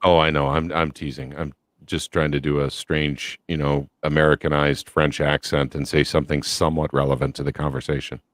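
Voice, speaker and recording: A man's voice: very deep voice, little pitch movement, brisk, few pauses, no echo. A man in casual chat who jokes in a dry, mock-formal way.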